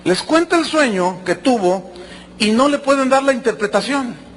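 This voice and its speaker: A man's voice: very high-pitched, moderate pace, a little hiss or hum. A man preaching a sermon, acting out quotes and joking with the congregation. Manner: animated, acts out quotes and jokes with the congregation.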